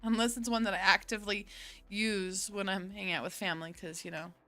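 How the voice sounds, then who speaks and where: A woman with a relaxed, giggly manner narrating a solo tabletop game. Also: mid-range voice, a little fast, faint music behind.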